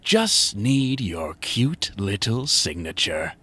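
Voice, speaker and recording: Creepy game delivery guy: very low, husky, slow, insinuating and falsely friendly. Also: big pitch swings, sharp tone, heavily acted. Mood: creepy, probing. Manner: insinuating, mock-friendly, breaks into whispers. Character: creepy, leering delivery man with menacing flirtation. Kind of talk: video game voice acting.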